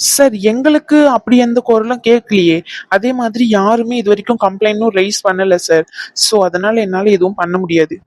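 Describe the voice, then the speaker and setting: A polite, evasive cartoon hotel worker, voiced by a woman, deferential at a middle pitch. The recording is close and dry. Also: normal speed, a little mellow, no echo, close to an everyday voice. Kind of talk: cartoon voice acting.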